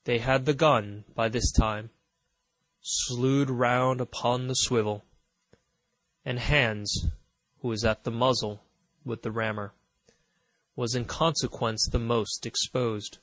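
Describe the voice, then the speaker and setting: Man reading a story aloud, slow and measured, middle voice, dry close mic. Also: medium pitch, steady tone, fairly bright tone, dry recording, low-quality recording. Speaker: audiobook narrator. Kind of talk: scripted audiobook narration.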